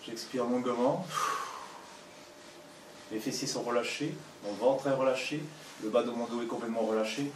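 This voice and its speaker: A man coaches an abdominal workout, counting reps and repeating slow breathing cues as he exercises. His voice carries from a distance in a roomy space. Steady background noise runs under him. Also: mid-range voice. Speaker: fitness coach. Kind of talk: guided exercise instruction.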